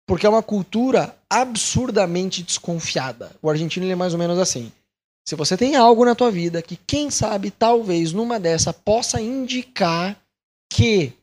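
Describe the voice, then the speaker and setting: A Brazilian missionary with a Brazilian Portuguese accent chats casually to the camera in a high voice. He's animated and repeats words for emphasis.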